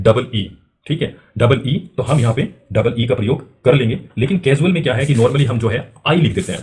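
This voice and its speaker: Male teacher, mid pitch, patient question-and-answer delivery for beginners. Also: darkish tone. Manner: step-by-step explaining, asks and answers himself; repeats filler phrases, drags out spelled letters. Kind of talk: spoken-English lesson for beginners.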